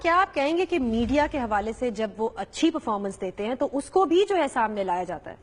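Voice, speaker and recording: High-voiced female news anchor, probing. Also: sing-song, in a large hall. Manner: crisp, probing questions.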